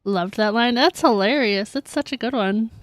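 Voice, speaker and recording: A woman's voice: fairly high pitch, normal speed. A young adult woman chatting casually and giggling while streaming a game. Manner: chatty, giggly, reacting aloud. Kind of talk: casual gameplay chat.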